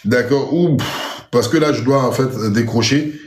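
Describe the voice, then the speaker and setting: A man from Côte d'Ivoire with an Ivorian accent, hosting a live audio panel in a relaxed, chatty way. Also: mid-range voice, measured pace, roomy sound. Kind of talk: casual live chat.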